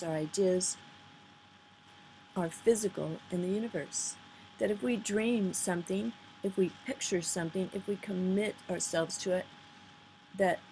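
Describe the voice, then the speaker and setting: A vlogger with a lowish, slightly mellow voice gives informal, earnest commentary, pausing between phrases and sometimes reading aloud in a halting way. It's a noisy amateur recording with poor sound quality.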